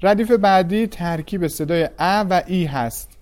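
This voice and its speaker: Man teaching a language lesson, slightly higher voice, slow and clear sounding-out of each vowel. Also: darkish tone.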